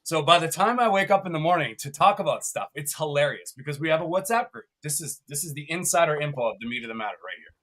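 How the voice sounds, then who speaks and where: A man's voice: fairly high pitch, animated, quick pace, few pauses, fairly bright tone. A man from Canada co-hosting a live podcast, chatty and upbeat, often laughing as he rambles. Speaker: podcast co-host.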